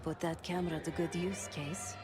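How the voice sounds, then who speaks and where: A woman's voice: lowish voice, flat delivery, moderate pace, lightly acted. A woman acting a cool, shrewd spy in a video game cutscene, confident and controlled as she gives instructions. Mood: cool, instructing. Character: cool, shrewd female spy briefing an operative. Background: music.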